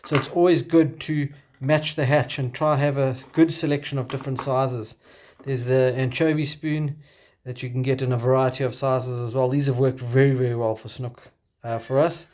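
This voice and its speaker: A man with a broad South African accent presents his gear as a kayak angler in a casual, unscripted show-and-tell, with halting, hesitant phrasing. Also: medium pitch, steady tone, darkish tone.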